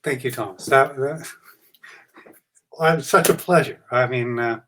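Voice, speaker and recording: Man, host, gracious, halting, casual chat, video call. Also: mid-range voice, a little hiss or hum. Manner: warm-hearted, gracious, slightly halting.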